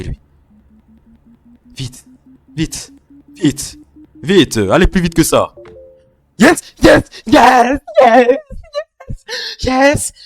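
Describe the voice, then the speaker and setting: A man narrating his own horror game playthrough, his somewhat high voice jumping all over the place. He panics and frets aloud, pleading and chattering to his viewers as he plays. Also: breathy edge. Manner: panicky, excitable, talks to viewers. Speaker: gamer. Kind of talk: horror game let's play commentary.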